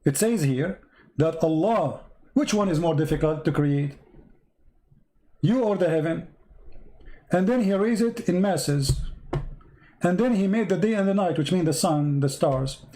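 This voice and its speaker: A man's voice: a little high, expressive, measured pace, pauses often, warm tone, slight background noise. A man, not an English speaker and losing his voice, hosts a live debate, reading out verses and pressing a caller with repeated questions. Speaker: debate host.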